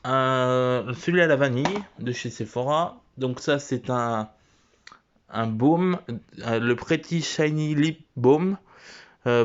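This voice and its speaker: Slow, halting young man, lo-fi recording. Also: mid-range voice, slight background noise. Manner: halting, many fillers and restarts. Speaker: vlogger. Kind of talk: casual show-and-tell.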